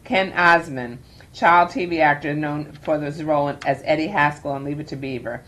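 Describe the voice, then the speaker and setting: An older woman chairing a county planning board meeting, reading formal opening remarks at a measured pace with frequent ums from a boardroom desk microphone. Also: deep voice, steady tone, a bit bright. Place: government boardroom, indoors.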